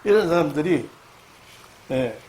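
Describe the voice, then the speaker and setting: A man preaching a sermon lecture as a pastor, halting with fillers, then rising loud and high to stress his points. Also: expressive, slight background noise. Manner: halting, many fillers and restarts.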